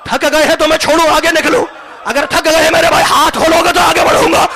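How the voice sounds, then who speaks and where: A man preaching an impassioned sermon to a live gathering, repeating his phrases and swinging between loud shouts and hushed asides. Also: extremely high pitch, little pitch movement, creaky, some chatter behind, a little hiss or hum. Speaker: religious orator. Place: mosque hall, live gathering.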